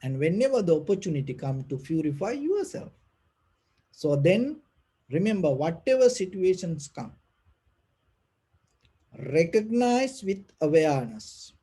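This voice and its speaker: Male meditation teacher, non-native English, breathy and husky, unhurried delivery with long pauses, gentle Dhamma talk. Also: a little high, sing-song. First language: not English. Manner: gentle, halting, with frequent pauses and repeated phrases. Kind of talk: unscripted spiritual talk.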